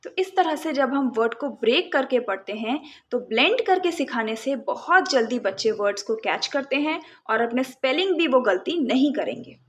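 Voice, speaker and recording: A woman teaching phonics, breaking words into separate sounds and then blending them, in a calm lesson. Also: high voice, moderate pace, few pauses. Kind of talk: slow, sound-by-sound phonics lesson in Hindi-English mix.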